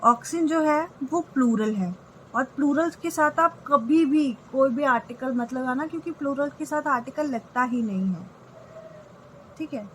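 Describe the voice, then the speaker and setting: A woman's voice: high-pitched, normal speed, a bit bright, a little hiss or hum, poor audio. A woman English teacher giving a grammar lesson, explaining step by step and often checking in with her students.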